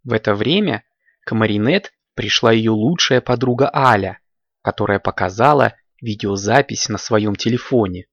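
A man's voice: on the low side, moderate pace, no echo, muffled recording. A man reading scripted narration as a composed cartoon storyteller. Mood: matter-of-fact.

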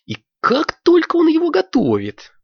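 Alyonka, a squealing, excitable girl. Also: normal speed, vocal fry, no room sound, highs cut off, heavily acted. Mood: eager. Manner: shrill, gushing, always hurrying others. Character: excitable, impatient young girl wizard.

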